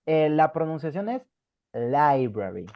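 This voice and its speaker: Patient male teacher, lively, dry muffled call. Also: a little high, crowd noise. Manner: patient, repeats examples slowly, checks in with "ok?". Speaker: English teacher. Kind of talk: online beginner English class, explaining in Spanish.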